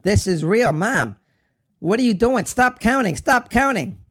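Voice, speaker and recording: This is a heartbroken young man, as an actor plays him, speaking in an unhurried, halting drama voice full of sorrow. His tone is creaky with a gravelly edge, and the sound is close and dry. He comes across as a sincere radio-drama lead. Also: mid-range voice, steady tone, warm tone, no room sound. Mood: pleading. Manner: slow, halting, tearful storytelling. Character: grieving young man mourning his mother. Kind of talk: dramatic monologue.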